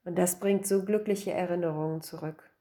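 A woman voicing a kindly small old man in a storybook tale, speaking softly and slowly. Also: fairly low pitch, steady tone, lightly acted. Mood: gentle.

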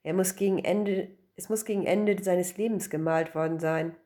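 Lady doing a sweet little old man, slow and soft, storybook tale. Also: fairly low pitch, steady tone, close to an everyday voice. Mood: gentle. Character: kindly small old man.

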